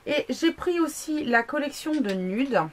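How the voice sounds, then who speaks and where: A woman's voice: high-pitched, animated, measured pace. A woman vlogging a casual product review, chatty, with many fillers, asides and self-mocking jokes. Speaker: beauty blogger.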